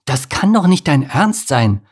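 A man's voice: mid-range voice, sing-song, unhurried, a little mellow. A man voicing a sensible, stern female ant in a storybook reading, scolding firmly and indignantly.

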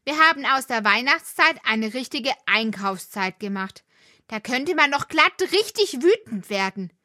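A woman's voice: fairly high pitch, animated, unhurried, bright, forceful tone, no echo, clean studio sound. A woman voicing a talkative, curious young worm child in a children's audio drama.

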